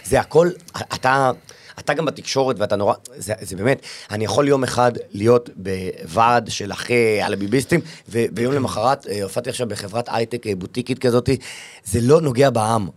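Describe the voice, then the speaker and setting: Young male comedian guest, casual podcast banter, mock-boastful, average pitch. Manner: joking, mock-boastful, drops into goofy accent impressions.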